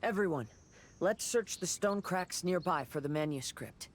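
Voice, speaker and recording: An actor voicing a calm, polite young swordsman who speaks in a gentle, measured way. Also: sits high, close to an everyday voice.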